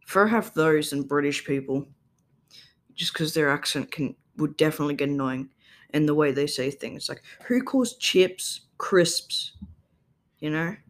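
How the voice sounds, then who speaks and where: Speaking at a normal pace, a young man from Australia has a slightly high, steady, fairly bright voice. His solo podcast is a wandering, laid-back monologue full of ums and likes, recorded on a home microphone he sometimes turns away from.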